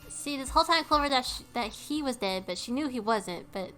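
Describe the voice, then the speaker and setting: Lady streamer reacting to a game, high bright voice, kinda sarcastic, faint music behind. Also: lively intonation, a little fast. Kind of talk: casual reactive game commentary.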